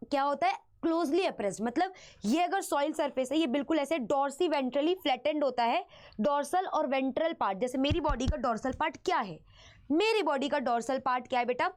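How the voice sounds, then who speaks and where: A high-pitched young woman with an Indian accent runs an online biology class. Her throat is a little sore, yet she keeps calling her students "beta" and asking "theek hai?" between English science terms. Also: normal speed. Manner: mixes English terms into Hindi explanation. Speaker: biology teacher. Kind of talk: online exam-prep lecture.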